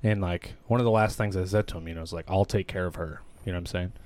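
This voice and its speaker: A young man talks candidly on a podcast, his voice sitting a little low. He rambles and swears freely, circling back as he tells the story. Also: racing, a little mellow. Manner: rambling, profane, emotional storytelling. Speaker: podcast co-host. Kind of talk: candid casual podcast chat.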